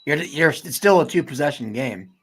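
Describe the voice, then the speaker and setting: A man in his twenties, excitable and quick to argue, chatting casually about college football and swearing freely. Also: a little high, slightly rough, poor audio. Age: 20s. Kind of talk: casual sports chat.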